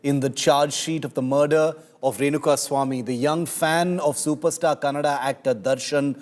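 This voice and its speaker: A man's voice: a little high, steady tone, normal speed. A man with an Indian accent presenting the news emphatically and sensationally, drawing out key words. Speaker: news anchor. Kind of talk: dramatic scripted news presenting.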